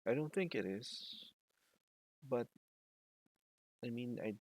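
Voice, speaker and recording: A man giving casual let's play commentary, hesitant and halting as he thinks aloud. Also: medium pitch, animated, a little mellow, slight background noise.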